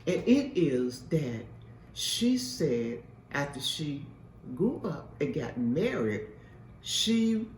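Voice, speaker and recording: A woman's voice: sits low, slight background noise. A woman host telling an emphatic, repetitive testimony in a preacher-like way. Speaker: host and mentor. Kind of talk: spoken testimony. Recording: echoey room from a distance.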